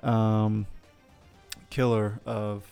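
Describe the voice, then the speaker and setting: A man's voice: on the low side, little pitch movement, extremely slow, vocal fry, dark tone, smooth, soft background music. A man co-hosting a casual comedy podcast, cracking dry jokes and swearing offhandedly. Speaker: podcast co-host.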